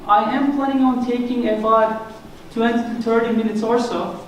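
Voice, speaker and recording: A high-voiced man with a thick Turkish accent, giving an earnest explanatory talk. He sounds set back from the mic in a very echoey church hall. A faint hiss sits under his voice. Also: fairly even intonation, moderate pace, distant mic. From Turkey. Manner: earnest, explanatory, self-deprecating humor. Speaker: guest speaker. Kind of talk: church presentation on Islam.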